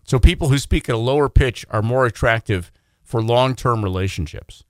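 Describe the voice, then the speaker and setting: A man co-hosting a radio morning show, chatting casually in a quick, joking, self-deprecating way. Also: mid-range voice, no echo, studio quality.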